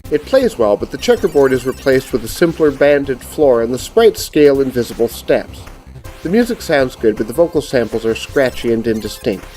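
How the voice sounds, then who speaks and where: A middle-aged man, giving scripted, measured and precise review narration as host of a retro gaming show. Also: medium pitch, lively intonation, darkish tone, soft background music, rough recording.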